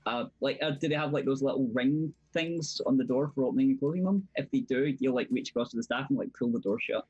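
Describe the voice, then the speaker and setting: A man's voice: mid-range voice, fast talker, a little mellow, husky, no room sound. A man playing a tabletop game, casually describing his character's actions and asking questions. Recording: dull, lo-fi microphone sound.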